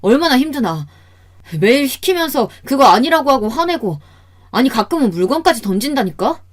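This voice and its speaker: A woman's voice: fairly high pitch, expressive, fairly quick, a little mellow, pitched above the performer's own voice. Brief: woman reading a frustrated son-in-law in a radio story, strained and raised, sighing "ah". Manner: complaining, keeps sighing "ah" before lines. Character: exasperated middle-aged son-in-law, pleading and frustrated.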